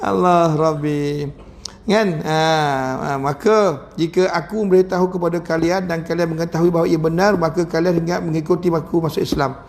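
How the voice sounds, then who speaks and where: Animated gravelly Malaysian preacher. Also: male voice, a little high, normal speed, slight background noise. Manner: animated, jokey, acts out voices. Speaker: religious teacher. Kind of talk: mosque lecture.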